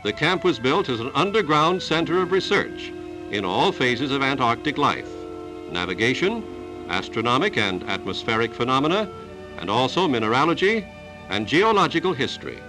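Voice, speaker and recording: A man narrating an old newsreel in a measured, declarative announcer delivery. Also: medium pitch, very animated. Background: music score.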